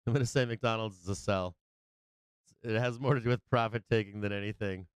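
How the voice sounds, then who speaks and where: A man's voice: lowish voice, steady tone, brisk, smooth, no room sound. A man hosting a live trading show with casual, blunt, profane and slangy commentary, often joking as he goes. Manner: jokey, chuckles often at own remarks. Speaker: host of a live stock market show.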